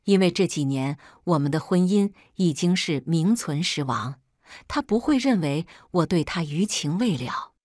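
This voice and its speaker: A woman telling a first-person story as scripted narration, reading in a steady, measured way. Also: lowish voice, no room sound, studio quality.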